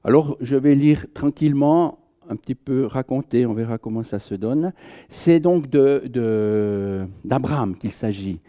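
An unhurried man with a medium-pitched, dark voice gives an informal Bible teaching to a group, and the audio sounds lo-fi. He's conversational, jokes with his listeners, and keeps restarting his sentences, like a preacher talking among friends.

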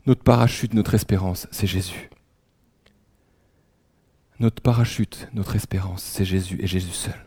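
Male preacher raised in France, mellow dark tone, dry close sound, intimate sermon delivery. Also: low voice, fairly even intonation, unhurried, pauses often, slightly rough, no echo. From France, raised in Alsace. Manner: drops to a hushed near-whisper for emphasis; many restarts, conversational storytelling.

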